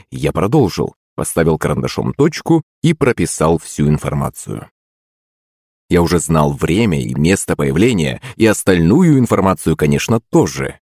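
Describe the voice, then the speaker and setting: A man with a very deep, husky voice reads an audiobook in first person. His pitch moves in wide, lively swings, and the sound is dry and close. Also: no room sound. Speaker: audiobook narrator.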